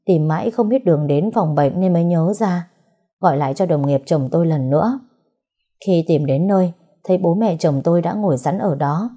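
Giọng nữ kể chuyện trầm khàn. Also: female voice, fairly low pitch, warm tone. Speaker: storyteller. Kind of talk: first-person story narration.

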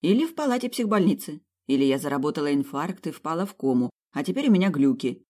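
Woman narrator, first-person comic fantasy audiobook, sarcastic and lively. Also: sits low, quick pace, breathy edge.

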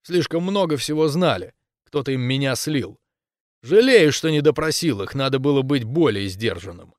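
Loud rude shotgun hermit guy, raised harsh voice, dry close sound - a man puts him on. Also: mid-range voice, expressive, moderate pace, no room sound, natural voice. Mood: gruff. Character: gruff mocking reclusive man with a shotgun. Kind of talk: audiobook character voice.

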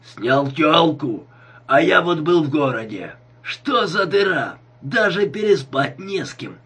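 A man reading an audiobook, voicing a loud drunken lecherous man who bellows crude taunts. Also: on the high side, animated, takes it slowly, slightly rough, far from the mic, exaggerated voice. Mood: rowdy.

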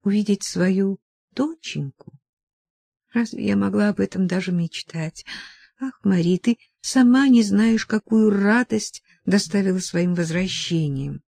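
A woman's voice: medium pitch, lively intonation, unhurried, vocal fry, mellow, dry recording, clean studio sound, voice pushed up. A woman reading the lines of a loving, tearful middle-aged mother in an audiobook, with emotion. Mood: tender, tearful.

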